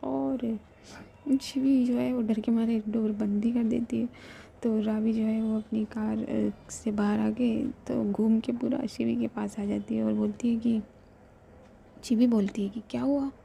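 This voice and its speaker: A young woman telling a love story in a hushed, intimate whisper with chatty asides to viewers. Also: a little high, little pitch movement, a little slow, vocal fry, slight background noise.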